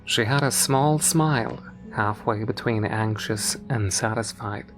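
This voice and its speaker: Man narrating a horror story. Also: lowish voice. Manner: measured, storytelling delivery. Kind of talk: scripted first-person horror narration. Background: faint background music.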